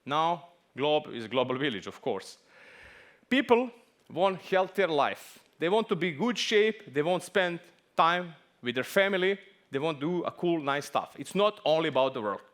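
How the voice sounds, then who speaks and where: A middle-aged man from Serbia with a Serbian accent, giving a lively, joking conference talk in English as a second language. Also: on the high side, normal speed. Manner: lively, joking, non-native English phrasing. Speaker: conference speaker.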